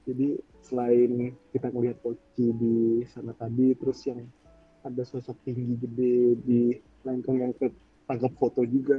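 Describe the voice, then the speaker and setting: A man's voice: medium pitch, mellow, husky, highs cut off. A young man in his twenties casually telling a ghost story, rambling and searching for words. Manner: rambling, searches for words, acts out quoted voices. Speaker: podcast storyteller.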